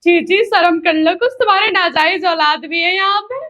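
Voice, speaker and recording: A man's voice: extremely high pitch, normal speed, bright, forceful tone, lo-fi sound. A man playing an old-fashioned, blustering father who scolds his son in a comedy sketch. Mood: indignant. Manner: exaggerated outraged scolding.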